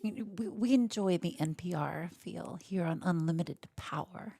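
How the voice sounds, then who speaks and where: A woman's voice: on the low side, normal speed, gravelly, dark tone, breathy edge. A woman co-commentating a card game tournament in a casual, chatty way, with lots of fillers and jokes. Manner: chatty, filler-heavy, jokey. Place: empty gaming room at a cafe.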